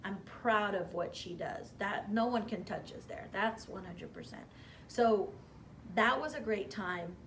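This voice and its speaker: A woman guest, a hair stylist, telling her career story in a casual interview, lively and acting out the voices of people she quotes with gasps. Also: mid-range voice, a little slow, slight background noise. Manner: animated, acts out quoted dialogue with gasps.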